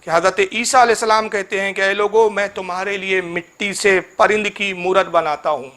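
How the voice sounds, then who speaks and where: High-voiced man giving a reproachful sermon. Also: fairly even intonation, moderate pace, bright, forceful tone. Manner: reproachful, addresses opponent directly; recites Arabic verses in chanting tone. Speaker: Islamic cleric. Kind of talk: polemical religious lecture.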